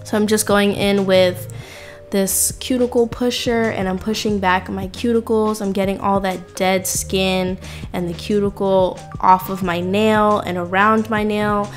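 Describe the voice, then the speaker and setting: A woman's voice: medium pitch, fairly even intonation, unhurried, faint music behind. Chatty young woman narrating a nail tutorial. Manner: chatty, lots of fillers like "like" and "um"; playful asides to viewers. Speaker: beauty vlogger.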